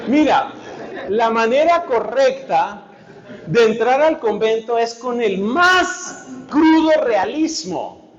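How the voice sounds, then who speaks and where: Animated preacher in an echoey hall. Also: male voice, extremely high pitch, slow, a faint crowd. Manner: animated, humorous and emphatic. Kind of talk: sermon. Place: hall with a live audience. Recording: echoey hall, dull sound, live audience.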